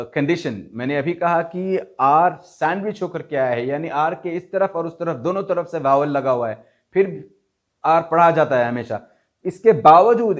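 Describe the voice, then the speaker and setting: A man gives a spoken pronunciation lesson, taking his time over every point. His voice sits a little high, and his delivery is very unhurried. He repeats each example word and spells it out letter by letter. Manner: explains slowly, repeats example words, spells them out letter by letter; Urdu-leaning Hindustani vocabulary. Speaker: English pronunciation teacher.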